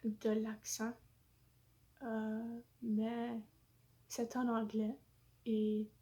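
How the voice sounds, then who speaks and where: A woman's voice: a little high, completely flat delivery, very slow, mellow. A woman vlogging casually in French with an English-influenced accent, hesitant and full of fillers as she searches for words, apologizing for her speaking. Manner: apologetic, self-conscious. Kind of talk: casual vlog monologue.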